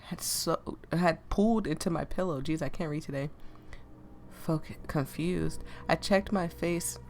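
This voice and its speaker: Hosting a let's play, a woman whose deep voice sounds sick chats casually and reads game text aloud, stumbling over words and amused easily.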